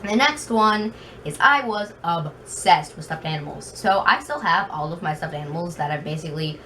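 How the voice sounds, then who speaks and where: Her voice is fairly low and sharp in tone, expressive, and moderately paced, with a very slight lisp. She's a video blogger telling chatty, rambling, self-deprecating stories from her bedroom. A fan makes the room noisy, and the mic is a distance away.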